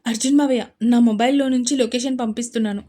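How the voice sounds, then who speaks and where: A woman's voice: fairly high pitch, lively intonation, moderate pace, lightly acted. A woman voicing an anxious young man. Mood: urgent. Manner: urgent, commanding.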